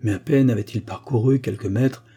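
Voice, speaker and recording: A man reading a novel aloud as an audiobook narrator, in a measured, expressive way. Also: mid-range voice, slightly rough. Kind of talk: scripted narration.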